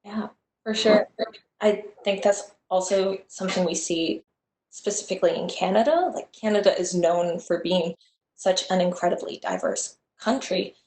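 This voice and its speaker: A young woman moderating a virtual panel, speaking softly and casually with plenty of affirmation. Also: mid-range voice, normal speed. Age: young adult. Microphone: video call. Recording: echoey video call.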